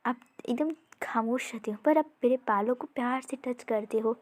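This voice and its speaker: Brief: woman playing a talkative, rule-breaking young prince, high, eager, playful. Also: normal speed, a little mellow, lightly acted. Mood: fond.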